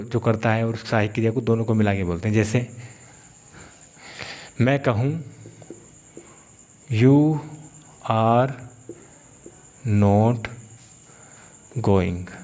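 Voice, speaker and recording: A man teaches an English grammar lesson in an unhurried classroom manner. He repeats example phrases patiently and draws out the key words. His voice sits at an ordinary middle pitch. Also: darkish tone. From India. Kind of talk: classroom-style spoken lesson.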